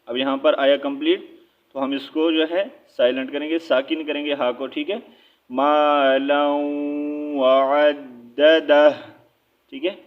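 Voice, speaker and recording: A man gives a step-by-step Quran recitation lesson, fairly high-pitched and flat in tone. He explains in quick asides and then draws out each syllable slowly. The recording sounds dull and lo-fi. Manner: checks in with frequent "theek hai". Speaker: Quran teacher.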